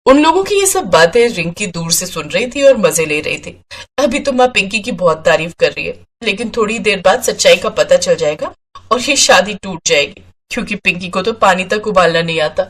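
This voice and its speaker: A woman narrating a cartoon story in an even, storytelling manner. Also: mid-range voice, normal speed.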